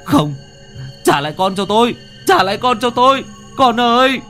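A man voicing a grieving young father who pleads in loud cries in a storybook reading. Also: medium pitch, big pitch swings, moderate pace, faint music behind, natural voice. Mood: desperate.

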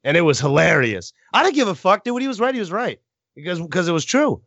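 Male podcast host, slightly high voice, casual and profane, lo-fi dry recording. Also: sing-song, quick pace, fairly bright tone, dry recording. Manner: swearing, laughing often, rambling.

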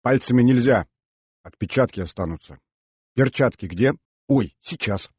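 A man's voice: mid-range voice, animated, moderate pace, darkish tone, slightly rough, no echo, clean studio sound, voice pushed up. A man reading an audiobook voices a careful teenage girl with a curt, level way of talking. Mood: stern.

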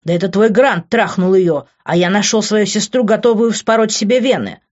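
A woman's voice: mid-range voice, moderate pace, a little mellow, voice pushed up, natural voice. Woman doing an indignant young man, exclaiming, defensive, slightly dull audio.

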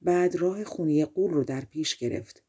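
Woman narrator, fairy-tale audiobook, calm measured reading, mellow, breathy. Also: sits low. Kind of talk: storybook narration.

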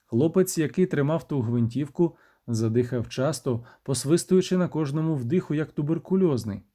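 A man narrating a first-person novel as an audiobook, reading evenly and rising for the shouted lines. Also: fairly high pitch, moderate pace. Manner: even storytelling that lifts and grows loud for shouted lines.

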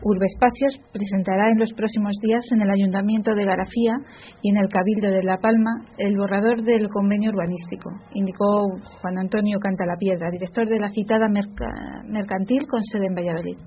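A woman's voice: mid-range voice, fairly even intonation, brisk, a little hiss or hum. Woman reading science news on radio. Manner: careful reading with small slips and restarts. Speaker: news reader on a radio show. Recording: dull radio broadcast with faint music.

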